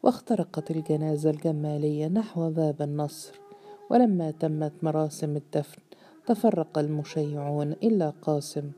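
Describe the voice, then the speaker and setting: A woman narrating a novel as an audiobook, in a steady, measured storytelling voice. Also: deep voice.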